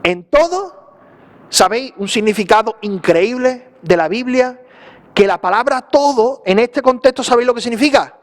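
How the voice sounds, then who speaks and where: A man preaching a Sunday sermon as pastor, conversational and lively, often asking the congregation questions and acting out little asides. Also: extremely high pitch, moderate pace. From Spain.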